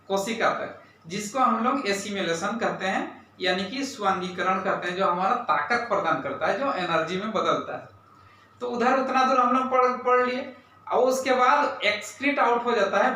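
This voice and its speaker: A man's voice: very high-pitched, pushed and bright. Male teacher in a very echoey classroom. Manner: asks pupils questions, repeats terms, says "right?" often. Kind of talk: classroom science lesson. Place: classroom, indoors. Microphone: camera far off in the room. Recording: very echoey room, voice from far off.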